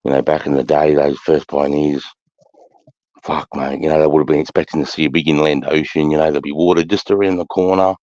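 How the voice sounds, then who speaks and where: A man's voice: very deep voice, flat delivery, a little fast, darkish tone. A man chatting casually on a livestream in a blokey, slangy way with heavy swearing. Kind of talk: casual chat. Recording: muffled, roomy livestream audio.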